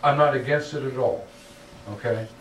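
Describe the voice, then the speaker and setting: An earnest lecturer with a medium-pitched voice answers audience questions in a public talk, speaking at a moderate pace with fairly even intonation and often checking in with "okay?". The sound is roomy hall audio captured from a distance, with faint noise.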